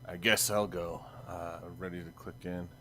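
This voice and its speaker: A young man co-hosting a podcast, chatting casually in a hesitant, halting way full of fillers and restarts. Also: low-pitched, little pitch movement, bright, forceful tone, slight background noise. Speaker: podcast co-host. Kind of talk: casual chat.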